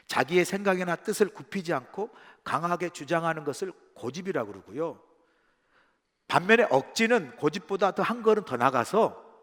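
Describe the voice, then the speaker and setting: A man's voice: sits high, fairly bright tone. A male pastor preaching a sermon in a church, speaking conversationally, posing rhetorical questions to the congregation and acting out quoted lines. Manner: acts out quoted speech dramatically. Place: church sanctuary. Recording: long reverb of a church hall.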